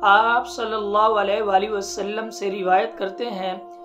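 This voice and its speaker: A man teaching Quran recitation, explaining patiently and chanting drawn-out melodic examples. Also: high voice, little pitch movement, music in the background. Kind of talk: religious lesson with chanted recitation.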